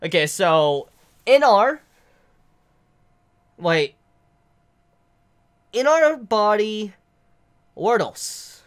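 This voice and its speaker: A young man in his twenties, stuffed up with the flu, reviews a manga chapter to camera from the couch in his living room, rambling and stammering as he sounds out made-up words. His voice is high-pitched and sing-song with a clear, resonant tone, and he speaks very slowly with frequent pauses.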